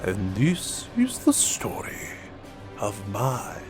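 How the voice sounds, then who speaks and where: A man's voice: lowish voice, wildly swooping pitch, over music, full character voice. A man playing a menacing, gloating villain mastermind in a fan audio drama monologue, with a sneering, theatrical delivery. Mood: taunting menace. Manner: theatrical, sneering, drawn-out delivery swinging between whispers and outbursts.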